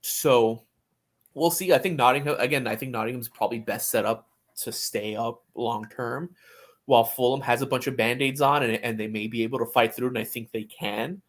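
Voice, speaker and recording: A man with a mid-range voice co-hosts a sports podcast, chatting casually. He speaks haltingly, repeating words and making false starts.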